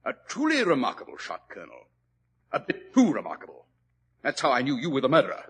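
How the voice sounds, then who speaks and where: An actor playing Sherlock Holmes, a cool, triumphant detective with a crisp, ironic manner, in a 1940s radio drama. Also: male voice, mid-range voice, huge pitch swings, fast talker, a bit bright, slight background noise. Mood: cold accusing. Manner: crisp, ironic, self-assured. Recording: old 1940s radio broadcast.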